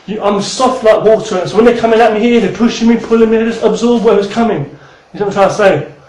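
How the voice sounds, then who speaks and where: A man's voice: sits high, quick pace, darkish tone, roomy sound, rough recording. A man in his thirties teaching martial arts in a rambling, casual way, swearing and then apologizing. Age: 30s.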